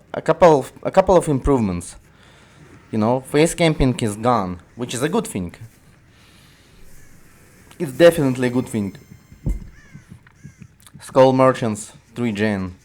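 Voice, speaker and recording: A man speaking English with a strong Russian accent, his native tongue coming through clearly. He narrates over his gameplay in a hesitant, halting manner, often stopping and restarting his sentences. His voice sits at an ordinary middle pitch for a man. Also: a little mellow. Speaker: gaming video creator. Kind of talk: casual commentary over gameplay.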